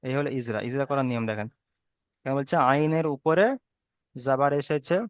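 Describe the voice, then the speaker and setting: Male reading teacher on a video call, quick and clear, repeats each rule patiently, dry sound. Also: medium pitch, no room sound. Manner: patient, repeats rules slowly. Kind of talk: online Arabic reading lesson. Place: online class.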